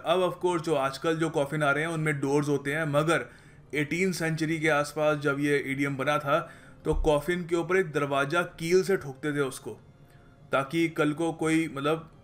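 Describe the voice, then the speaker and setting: Indian man teaching idioms, fairly high voice. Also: a bit bright. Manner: conversational, explanatory, checks in with "ठीक है"; reads English example sentences slowly and deliberately. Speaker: English teacher. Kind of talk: explaining idioms in a lesson.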